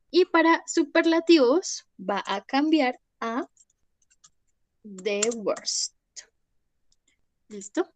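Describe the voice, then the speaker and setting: A woman's voice: a little high, dry recording. A young woman, an English teacher giving an online class on video call, patient and always checking with "¿listo?".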